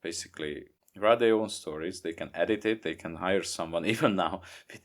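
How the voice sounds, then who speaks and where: A young Hungarian man with a Hungarian accent, a guest author talking casually in a podcast interview, halting and repeating words. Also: low-pitched. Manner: halting, repeats words, non-native grammar. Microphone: remote podcast recording.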